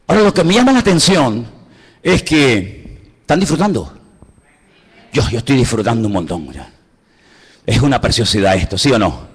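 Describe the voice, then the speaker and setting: A man's voice: mid-range voice, normal speed, pauses often, slightly rough, in a large hall. A man from preaching a sermon, asking his listeners questions as he goes. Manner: animated, asks the congregation questions.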